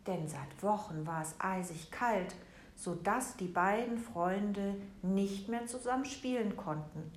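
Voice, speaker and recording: A woman reading a bedtime story aloud in a gentle, storytelling way. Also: mid-range voice. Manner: slow, gentle, lively storytelling. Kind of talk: storybook narration. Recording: echoey room, faint noise.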